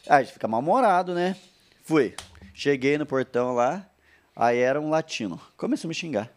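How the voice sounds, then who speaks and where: Fast-talking Brazilian man telling a story. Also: on the high side. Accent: Brazilian Portuguese. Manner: animated anecdote with repeated phrases and quoted asides. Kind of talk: casual storytelling.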